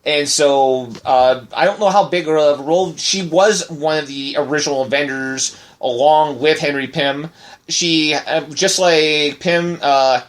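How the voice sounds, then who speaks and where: A man's voice: a little high, unhurried. A married man co-hosting a casual podcast, rambling through news with lots of fillers and restarts. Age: adult, married. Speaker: podcast co-host.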